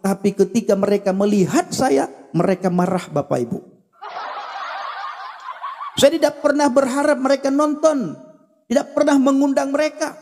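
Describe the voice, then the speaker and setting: A man's voice: very high-pitched, normal speed, pauses often, dark tone, big-room sound, slight background noise. A man preaching on a livestream, speaking emphatically in a repetitive cadence and addressing his audience directly. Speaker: evangelist livestream host.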